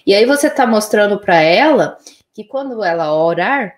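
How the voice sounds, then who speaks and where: A woman, a mother, calmly explaining her views on raising children in casual conversation. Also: medium pitch, moderate pace, echoey room. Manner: calm, explanatory, frequent "né?".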